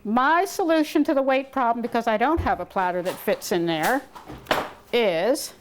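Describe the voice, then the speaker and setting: A woman's voice: a little high, expressive, normal speed, background noise. A woman cook giving a step-by-step cooking demonstration in a home kitchen. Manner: patient step-by-step instructing. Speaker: guest cook. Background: clinking dishes and cutlery.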